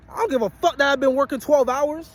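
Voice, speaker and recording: Speaking fast in a very high voice, a man in his twenties who vlogs and hopes to make music delivers a blunt, profanity-laced pep talk to viewers. Worn out from a long work shift, he keeps repeating his points to hammer them in.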